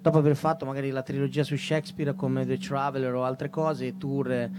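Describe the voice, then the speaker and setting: A man's voice: medium pitch, flat delivery, a little fast, background noise. A man, a singer-songwriter being interviewed, speaking reflectively and searching for words. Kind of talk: interview conversation.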